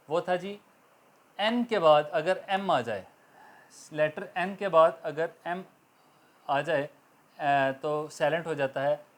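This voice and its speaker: A man giving an English grammar lesson, speaking slowly and deliberately, spelling words out letter by letter and repeating examples for learners. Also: fairly high pitch. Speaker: English teacher. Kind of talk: classroom-style grammar lesson.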